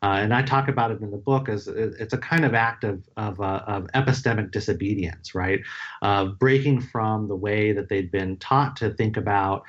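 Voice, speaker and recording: A man giving a thoughtful, halting academic explanation in conversation, checking in with "right?" tags, on a slightly lo-fi recording. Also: lowish voice. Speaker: guest, author.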